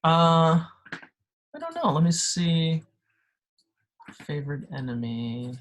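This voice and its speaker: A game master running a tabletop game, relaxed and thinking aloud with fillers. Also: mid-range voice, slow pace.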